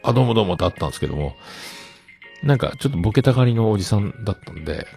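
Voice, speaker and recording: A man's voice: on the low side, big pitch swings, very fast, creaky, warm tone, soft background music. A middle-aged man hosting a show, chatting casually as he tells family stories and acts out other people's lines. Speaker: host. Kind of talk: casual storytelling monologue.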